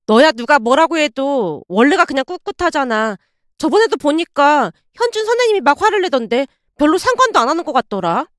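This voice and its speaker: A chatty female nurse trading hospital gossip in a confiding, knowing tone, as a woman reading a story puts her on. The voice sits high and sounds dry, with no room around it. It is told as a spoken storybook. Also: very animated, fairly quick, fairly bright tone, no echo. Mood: teasing.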